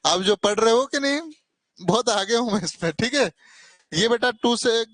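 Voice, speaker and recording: A man's voice: extremely high pitch, lively intonation, normal speed, fairly bright tone, dry recording. Coaxing male maths tutor, dry sound. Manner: coaxing, mildly scolding, calls students "beta". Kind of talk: live classroom teaching.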